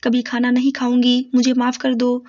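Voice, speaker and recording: Woman doing tearful begging old mother, storybook, fairly high, monotone. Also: normal speed, natural voice. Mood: pleading. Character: pleading 65-year-old mistreated mother. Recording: dull lo-fi recording.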